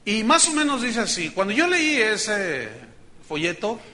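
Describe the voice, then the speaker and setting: Guy preaching a sermon, high bright voice, earnest, talks right to the church folks. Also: very animated, measured pace. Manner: earnest, addresses congregation directly, acts out prayers dramatically.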